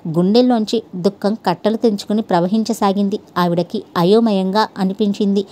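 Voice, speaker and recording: A woman storyteller calmly reading a dramatic story in a measured way. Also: mid-range voice. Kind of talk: scripted story narration.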